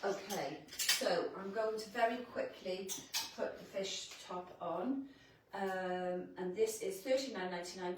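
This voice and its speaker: A woman's voice: mid-range voice, a little hiss or hum. Chatty woman in an echoey boutique. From Wales. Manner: chatty, laughs often, talks while changing outfits. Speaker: boutique owner presenting clothes on a livestream. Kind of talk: casual live shopping chat. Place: clothing boutique, indoors. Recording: echoey shop room, voice from a distance.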